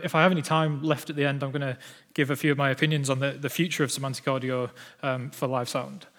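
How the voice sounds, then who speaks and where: A young man with a Northern English accent presents at a conference in a hesitant, filler-heavy way. His voice sits slightly high. The sound carries a long reverb from a large lecture hall. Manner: hesitant, many ums and "sort of" fillers. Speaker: conference speaker, audio researcher. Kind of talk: conference talk.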